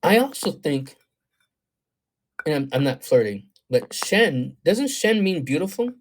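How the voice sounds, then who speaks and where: A fairly high-pitched male voice with big pitch swings and a measured pace answers chat during a livestream astrology session, with a little hiss or hum. He reads out viewers' comments and responds, drifting thoughtfully and leaning on fillers like um and you know.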